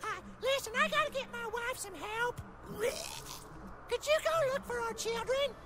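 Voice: very high-pitched, normal speed, echoey room, heavy background noise. A performer voicing a small, cheerful male talking Christmas poo in a video game, with a chirpy, sing-song, folksy way of greeting people. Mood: cheery. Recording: game audio with loud music behind.

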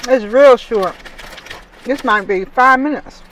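A middle-aged woman talking casually to camera while eating, chewing as she talks and leaving long pauses between bites. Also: a little high, fairly bright tone, slight background noise, rough recording. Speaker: food review vlogger. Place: inside a parked car.

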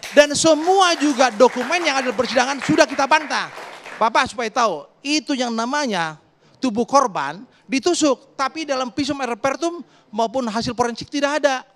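A man's voice: very high-pitched, animated, fairly quick, a bit bright. A man, a defense lawyer, arguing insistently in a heated televised debate and cutting in often. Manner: insistent, interrupting.

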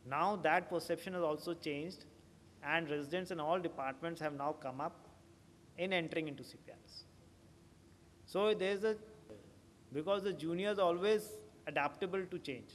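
A man's voice: fairly high pitch, normal speed, pauses often, slight background noise. A middle-aged man answering questions at a conference podium, explaining steadily with some fillers and restarts. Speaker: conference speaker. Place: large auditorium, at a podium. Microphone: podium microphone. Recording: long hall reverb, faint ambience.

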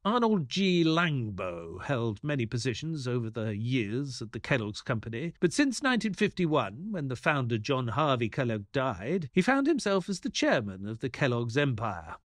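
An actor playing Doctor Watson, a gentleman sidekick who narrates an audio drama in a measured storytelling manner. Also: mid-range voice, big pitch swings, no room sound, studio quality. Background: music.

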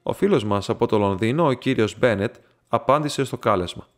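Male reader, steady storybook narration, mid pitch, soft music bed. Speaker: audiobook reader. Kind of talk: reading a detective story aloud.

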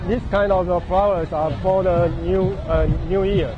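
A middle-aged man explains slowly, stopping often to hunt for words. His voice sits high. A loud crowd and music fill the outdoor market around him. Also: fairly even intonation, highs cut off. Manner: hesitant English, searching for words. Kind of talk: casual chat. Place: busy outdoor street market.

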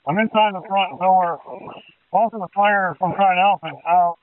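A man's voice: sits high, fairly even intonation, normal speed, no room sound. A man speaking as a firefighter over two-way radio, delivering urgent, clipped reports from the field. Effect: two-way radio transmission. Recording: narrowband fire radio transmission.

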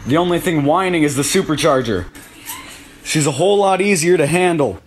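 A man's voice: on the high side, animated, fairly quick, slight background noise. A man delivering a comedic list monologue for a short social media video.

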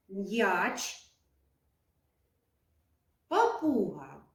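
A woman kindergarten teacher giving a lesson to young children, speaking slowly and clearly in a sing-song teacherly way. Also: medium pitch, warm tone. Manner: slow, clear, sing-song teacherly speech with drawn-out words. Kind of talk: preschool lesson addressed to children. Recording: echoey room, voice from a distance.

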